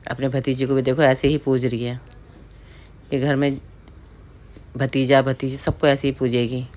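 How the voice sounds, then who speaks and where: A middle-aged woman from India's Pahari hill region speaks in a very deep, darkish voice with flat delivery and a measured pace. In a casual voice-over she chattily narrates a family ritual, often calling her viewers friends.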